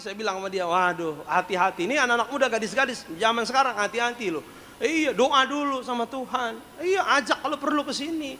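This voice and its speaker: A man's voice: extremely high pitch, pushed and bright. A male pastor preaching in a joking, storytelling way and acting out the people he quotes, on a stage microphone in a large church hall. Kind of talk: sermon. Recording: long church-hall reverb, faint noise.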